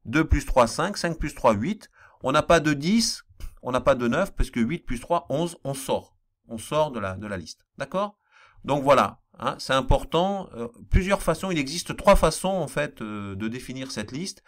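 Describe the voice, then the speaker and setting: In a medium-pitched, slightly bright voice, a male math teacher walks through a screen-recorded programming lesson at a measured pace with lively intonation. He goes step by step and repeats the important points. He has a slight non-standard accent, which he apologizes for.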